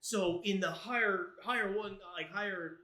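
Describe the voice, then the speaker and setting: A man's voice: sits high, normal speed, pushed and bright, reverberant. A man co-hosting a podcast, casually chatting and chiming in with corrections. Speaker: podcast co-host. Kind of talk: casual chat.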